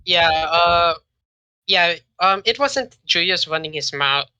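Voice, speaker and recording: Young guy guesting on a podcast, super bright tense voice, rambly, dry close sound. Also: sits high, lively intonation, slow pace, clear, resonant tone, dry recording, lo-fi sound. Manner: rambling, many fillers and restarts. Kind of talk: casual podcast chat.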